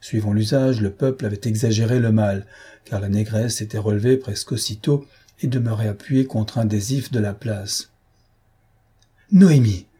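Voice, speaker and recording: A man narrating an audiobook novel in a measured, dramatic reading style. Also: lowish voice, fairly even intonation, mellow, breathy edge. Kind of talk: scripted narration.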